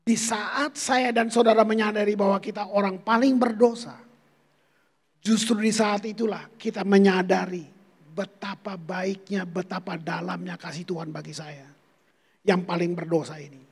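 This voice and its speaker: A man's voice: high voice, fairly even intonation, normal speed. A pastor preaching a sermon to his congregation, telling personal stories and calling them "saudara". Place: church sanctuary. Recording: long church hall reverb.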